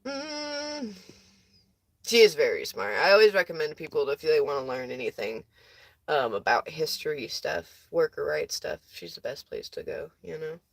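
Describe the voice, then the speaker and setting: A woman's voice: low-pitched, expressive, fairly quick, creaky, dry recording. A young woman chatting casually with viewers on a livestream, tired and rambling, with a close phone mic.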